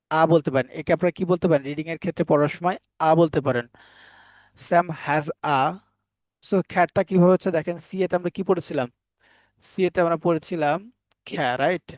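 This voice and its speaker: A man teaching phonics in a voice pitched a little high. He quizzes the class and answers himself, then spells each word out sound by sound. The sound is close and dry, with no room echo. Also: darkish tone. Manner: asks the class questions and answers them himself. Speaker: English teacher. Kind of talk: phonics lesson for Bengali learners.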